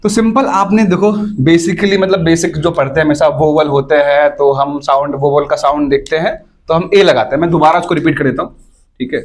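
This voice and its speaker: A man's voice: on the high side, fairly even intonation, fairly quick. A man teaching an English grammar class to students, explaining step by step and often stopping to ask whether everyone has understood. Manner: keeps checking whether students follow, repeats points.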